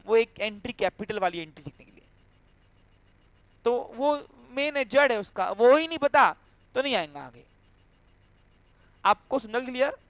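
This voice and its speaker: A man's voice: very high-pitched, smooth, dry recording. A man teaching an accountancy class, explaining entries step by step and checking often that the students follow. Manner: acts out a cash handover with a student. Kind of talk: classroom lecture.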